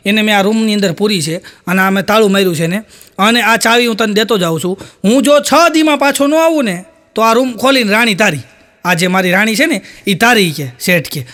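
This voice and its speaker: Comic guy, really high voice, tells jokes and does the other people's lines. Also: fairly bright tone. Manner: storytelling, acting out characters' lines in higher voices. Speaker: stand-up comedian. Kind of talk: stand-up joke telling.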